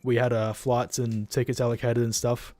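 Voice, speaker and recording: A man's voice: medium pitch, flat delivery, moderate pace, dark tone, no room sound. A young Australian man hosting a casual livestream, tired and rambling, talking bluntly and swearing freely from home. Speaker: livestream host.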